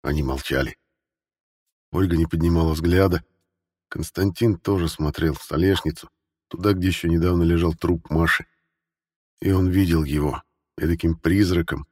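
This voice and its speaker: A male audiobook narrator reading in a measured, even manner. His voice is very deep and husky, and a long reverb trails each line. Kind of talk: scripted narration.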